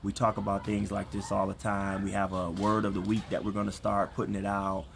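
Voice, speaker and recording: A man's voice: on the low side, monotone, brisk, creaky. A man calling from the backyard as co-host of a casual livestream, earnestly encouraging listeners and repeating phrases for emphasis. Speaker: co-host of a relationship ministry livestream. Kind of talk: casual chat with preacherly encouragement. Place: outdoors in a backyard. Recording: some background noise, outdoor livestream.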